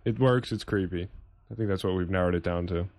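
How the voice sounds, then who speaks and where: A young man hosting a casual tech podcast, relaxed and joking as he steers the talk. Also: sits low, brisk, dry recording. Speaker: podcast host.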